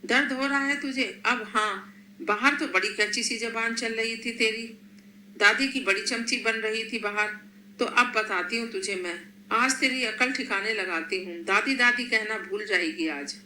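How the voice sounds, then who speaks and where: A woman voicing a sharp-tongued, short-tempered young mother in a storybook reading, in an echoey room. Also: on the high side, unhurried, slight background noise. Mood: furious. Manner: scolding, snappish.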